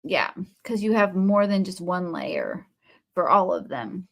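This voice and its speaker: A woman with a Texan accent hosts a live crafting stream, rambling in a friendly way as she works and answering viewer comments. Her voice is fairly low, creaky, and fairly bright, very animated but a little slow.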